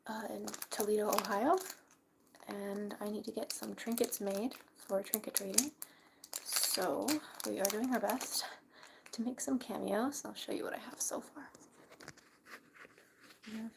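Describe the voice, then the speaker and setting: A young woman talks in a hushed library whisper, as if others are asleep nearby. Her casual livestream chat is breathy, with a good deal of creak at an average pitch. Faint noise sits behind her. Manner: hushed library whisper, keeping quiet for sleepers. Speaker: craft livestreamer. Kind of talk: casual live crafting chat. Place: at home late at night, crafting.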